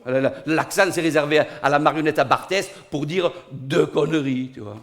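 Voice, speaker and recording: Stand-up storyteller, southern French accent, fairly high voice, bursts of loud animated ranting. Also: male voice, moderate pace. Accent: Niçois southern French. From Nice, southern France. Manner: animated, rising to loud outbursts in anecdotes. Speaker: stand-up comedian. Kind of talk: comic monologue storytelling. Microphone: studio recording.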